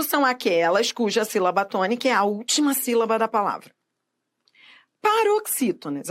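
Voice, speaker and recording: A woman with a fairly high voice leads a grammar video lesson. She talks directly to the viewer, poses questions and answers them herself, and stretches each example word out slowly so it can be heard clearly. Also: a bit bright. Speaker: Portuguese grammar teacher.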